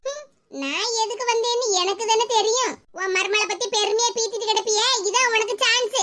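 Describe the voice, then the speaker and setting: A woman's voice: very high-pitched, steady tone, brisk, bright, forceful tone. A woman voicing a scheming young sister-in-law who tattles and stirs trouble. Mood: taunting. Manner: mocking, tattling.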